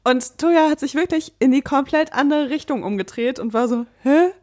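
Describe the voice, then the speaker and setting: A woman's voice: sits high, fairly quick. A woman cohosting a casual podcast, teasing and laughing often. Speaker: podcast co-host.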